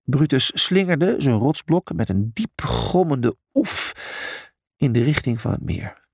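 A man narrating a children's audiobook in an expressive storytelling voice. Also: mid-range voice, slow, husky, no room sound, clean studio sound.

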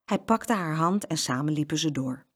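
A woman reading a children's book aloud in an expressive, animated way. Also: deep voice, moderate pace, husky. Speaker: storyteller.

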